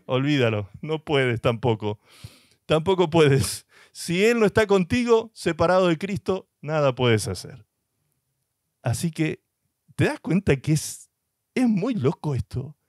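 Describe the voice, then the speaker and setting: A man's voice: on the high side, animated, slow, dry recording, clean studio sound. A man preaching a sermon as pastor, emphatic and full of rhetorical questions, with short mocking put-on voices.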